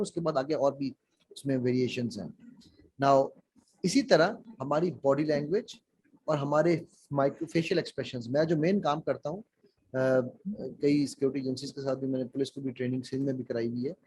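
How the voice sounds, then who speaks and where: A public speaking trainer leads an interactive online workshop on a call, questioning the class and slipping in English phrases. His mid-range voice is a little mellow with a breathy edge. The recording quality is low.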